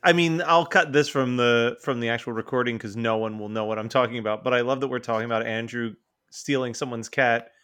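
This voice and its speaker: A man's voice: medium pitch, brisk, a bit bright, smooth. A man co-hosting a podcast, chatting casually, teasing the others and laughing at his own jokes. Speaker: podcast co-host. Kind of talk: casual chat.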